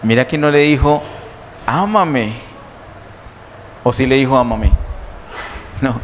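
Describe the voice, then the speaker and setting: A male pastor preaching slowly and emphatically, asking the congregation rhetorical questions. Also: medium pitch, fairly even intonation. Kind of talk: sermon. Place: church sanctuary. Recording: long church reverb, faint noise.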